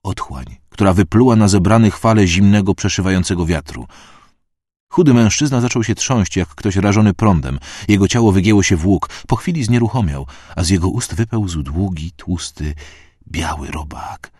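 A man reading a dark fantasy audiobook in a steady, measured way. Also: low voice, breathy edge, no echo, clean studio sound. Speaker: audiobook narrator.

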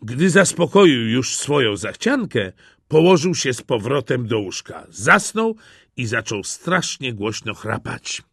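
A man giving an expressive, dramatic reading of a fairy tale as storyteller. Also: medium pitch, a little slow, gravelly, husky, no room sound, clean studio sound. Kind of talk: scripted storybook narration.

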